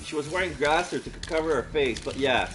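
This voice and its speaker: A man's voice: fairly high pitch, moderate pace, noisy background. A man playing a game, giving casual commentary and reading its text aloud. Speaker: game streamer. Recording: loud music and rain behind voice. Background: game music and rain sounds.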